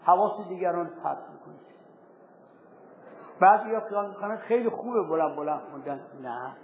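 A man teaching a seminary jurisprudence lesson, reciting Arabic texts slowly and deliberately, then explaining them in plain everyday speech. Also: high-pitched, lively intonation. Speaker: religious teacher. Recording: tinny phone-like recording with faint hiss.

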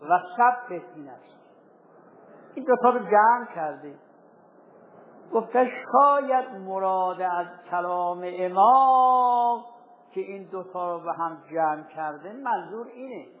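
A man teaching a seminary jurisprudence lesson, reciting Arabic texts slowly and deliberately, then explaining them in plain everyday speech. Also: high voice. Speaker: religious teacher. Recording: tinny phone-like recording with faint hiss.

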